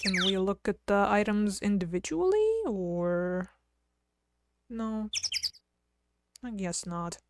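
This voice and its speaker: A woman's voice: mid-range voice, expressive, takes it slowly, pauses often, very noisy. A woman streaming a video game, reading its text aloud with casual commentary. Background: game music.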